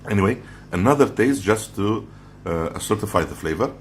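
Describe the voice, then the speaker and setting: An animated snack reviewer with a fairly low pitch talks at a moderate pace, handling and munching chips in an unscripted vlog-style food review. He is from outside the Philippines. The background is clearly noisy.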